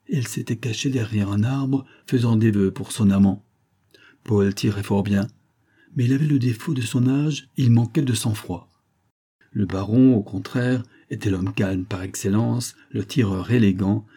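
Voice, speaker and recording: A man reading a classic novel aloud in a measured, expressive narration. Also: fairly low pitch, slightly rough. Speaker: audiobook reader. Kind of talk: audiobook narration.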